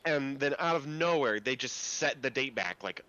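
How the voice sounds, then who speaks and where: A man's voice: mid-range voice, lively intonation, normal speed, pushed and bright, low-quality recording. A man co-hosting a casual podcast chat, teasing and persuasive as he argues.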